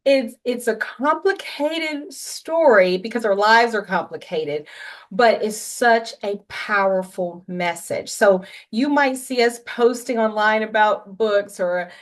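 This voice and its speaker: A woman, the executive producer and writer, speaking casually and warmly on a video call, saying "y'all". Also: medium pitch, takes it slowly. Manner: warm and casual, uses y'all.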